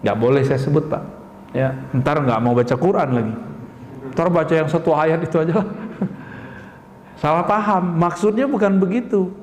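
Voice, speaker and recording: A man preaches in a high, carrying voice, talking with his congregation and throwing them rhetorical questions. His words ring through an echoey mosque with a long reverb tail. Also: normal speed, pauses often, a little mellow, a little hiss or hum. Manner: conversational, addresses audience as Pak, rhetorical questions. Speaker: Islamic preacher. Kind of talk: sermon.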